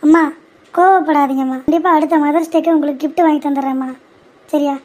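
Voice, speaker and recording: A meek young husband and son, voiced by a performer, who speaks softly and placatingly. His voice sits fairly high, and he always tries to calm his mother down in a comedy skit. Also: quick pace, close to an everyday voice. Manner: soft, placating. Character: doting young husband and son, mild-mannered.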